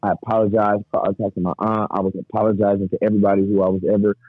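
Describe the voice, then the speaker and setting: A guest shares his testimony in casual conversation, speaking very fast in a low voice. He's animated, laughs often, and acts out what other people said, all captured in a dry, tinny, phone-like recording.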